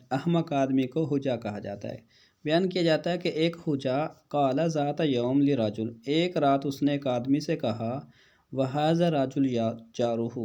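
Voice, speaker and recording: A man teaching an Arabic textbook lesson, reading each Arabic line slowly and then explaining it in Urdu with casual teacherly asides. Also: on the high side, mellow, lo-fi sound. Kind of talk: lecture reading and translating Arabic text.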